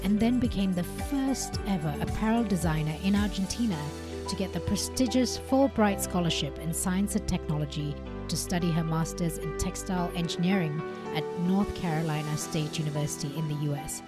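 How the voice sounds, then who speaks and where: A woman hosts a podcast in a bright, enthusiastic way, her voice sitting a little low. Clear music plays behind her as she speaks. She reads her lines smoothly, like a prepared script. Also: moderate pace. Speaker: podcast host. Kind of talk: scripted podcast intro and interview.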